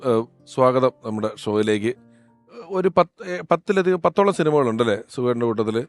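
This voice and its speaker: A man hosts a chat show, asking questions and delivering formal, flowing introductions. His voice is mid-pitched and even, and faint music plays behind him. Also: normal speed. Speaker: host.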